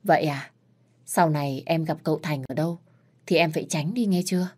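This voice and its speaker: A woman voicing a gentle young servant girl talking softly and protectively to her little brother in a storybook reading. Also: deep voice, a little fast, slightly rough. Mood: tender.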